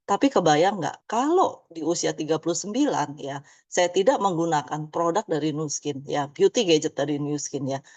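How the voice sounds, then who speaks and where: A woman's voice: low-pitched, animated, normal speed, a little mellow, no echo. Chatty woman in her fifties, dry sound. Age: 50s. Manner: chatty, tags many phrases with "ya". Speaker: business presenter. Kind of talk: motivational presentation.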